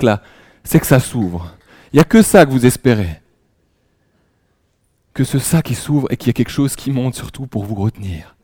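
Male preacher raised in France, mellow dark tone, dry close sound, intimate sermon delivery. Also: medium pitch, no echo. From France, raised in Alsace. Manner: drops to a hushed near-whisper for emphasis; many restarts, conversational storytelling.

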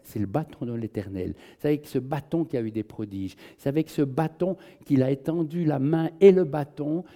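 A man preaching a sermon in a conversational, animated storytelling manner, asking his listeners questions. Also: mid-range voice.

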